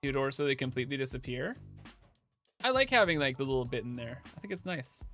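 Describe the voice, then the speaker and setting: A man's voice: mid-range voice, sing-song, fast, sharp tone, faint music behind. A young man livestreaming over a headset mic, thinking aloud in a casual, chatty way while he builds in a game.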